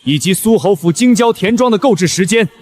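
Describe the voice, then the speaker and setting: A man voicing a middle-aged court official in an animated drama, giving a formal, measured report. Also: high-pitched, faint music behind.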